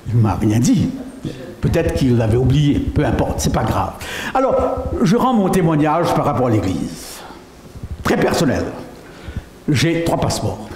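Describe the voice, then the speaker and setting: A man's voice: mid-range voice, big pitch swings, measured pace, a little mellow. A middle-aged man from Mauritius preaching a testimony sermon, often asking the audience rhetorical questions. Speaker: pastor. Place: church meeting hall. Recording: echoey hall with faint noise.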